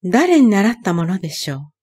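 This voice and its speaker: A woman reading a children's story aloud in a calm, measured way. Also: mid-range voice, slightly rough. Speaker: reader. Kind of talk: storybook narration.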